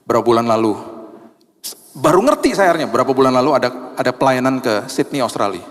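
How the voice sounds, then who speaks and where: A middle-aged man preaching a sermon as pastor, chatty and lively in his storytelling. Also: mid-range voice, quick pace. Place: church sanctuary. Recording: long reverb of a large hall.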